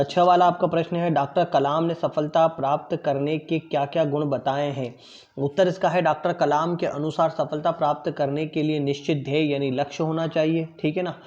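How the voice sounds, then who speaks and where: A man teaching an online class, explaining answers slowly and repeating them, often checking in with his pupils. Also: fairly high pitch, darkish tone, highs cut off. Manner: drills pronunciation, word then pause for pupils.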